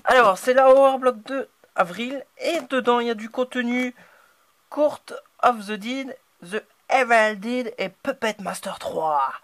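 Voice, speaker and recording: A man hosting a casual unboxing video, hesitant and filling his pauses with "euh" and "voilà". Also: extremely high pitch, a bit bright.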